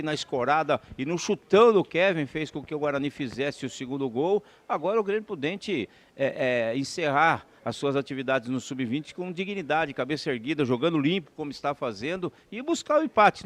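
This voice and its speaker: A man with a Brazilian accent giving live football commentary and analysis during a match. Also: on the high side.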